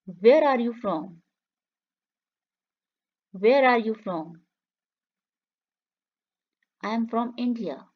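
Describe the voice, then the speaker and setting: A woman reads English practice phrases for beginners, saying every line twice in a slow, careful way. Her voice sits fairly high. The recording sounds a little dull and lo-fi. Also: animated. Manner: says each line twice, clear and measured. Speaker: English teacher. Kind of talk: slow repeated phrase reading for learners.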